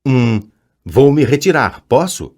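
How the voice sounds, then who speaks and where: Casting: man doing a jittery young boy, high and trembling, stammering apologies, audiobook. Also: huge pitch swings, normal speed, darkish tone. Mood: apologetic.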